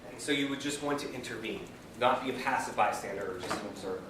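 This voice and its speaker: A man's voice: mid-range voice, fast talker. A man leading a peer education training session in a training room, speaking energetically and asking the group questions. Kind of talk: classroom training lecture. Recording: echoey room, mic far off, background noise.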